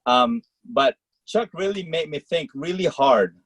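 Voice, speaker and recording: A man's voice: a little high, animated, fairly bright tone, breathy edge, no echo, low-quality recording. Malaysian-born man coach, dry sound. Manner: talks in quick rambling clauses with many fillers. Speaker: college tennis coach. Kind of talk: casual interview answers.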